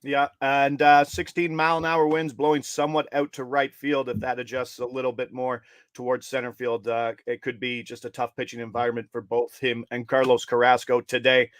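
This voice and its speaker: A man hosting a live sports betting show, reading picks in quick, energetic, upbeat patter. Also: mid-range voice, no echo.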